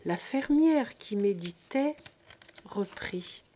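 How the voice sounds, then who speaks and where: Slow-reading woman narrator. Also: mid-range voice, animated, dark tone. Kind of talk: audiobook reading of a classic story.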